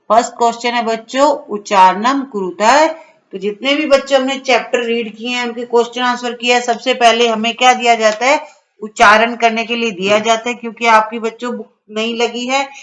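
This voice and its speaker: A woman teaching a school lesson, addressing the children and slowly repeating each word. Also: a little high, rough recording. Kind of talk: slow school lesson explaining word meanings.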